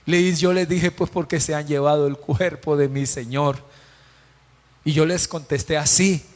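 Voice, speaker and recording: A man's voice: on the high side, steady tone, normal speed, close to an everyday voice. A man acting out a grieving woman who tells, in first person, how she found the tomb empty, her retelling tearful and rising to pleading cries. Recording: long church hall reverb.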